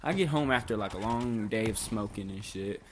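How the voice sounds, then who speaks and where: A young Bosnian man tells a rambling, profane story over gameplay, casually packing it with "like" and swearing. He speaks at a moderate pace in a fairly low voice.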